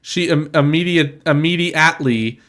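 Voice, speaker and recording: A man's voice: fairly high pitch, normal speed, fairly bright tone. Man sarcastically reading fan fiction aloud. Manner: sardonic asides, laughing interruptions. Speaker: podcast host.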